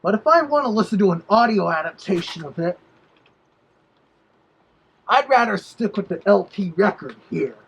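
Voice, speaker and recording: A performer plays an opinionated cartoon wolf giving review commentary. The voice is rough and husky at a middling pitch, and the delivery is wry and picky about details. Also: expressive, normal speed, long pauses, dull audio. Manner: nitpicking, wry asides. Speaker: reviewer, host. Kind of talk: review commentary over a played tape.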